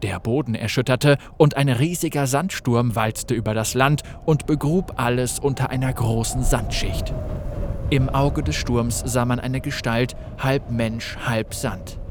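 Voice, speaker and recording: Slow, measured male storyteller. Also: mid-range voice, noisy background. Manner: measured, dramatic reading. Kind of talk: scripted fantasy narration.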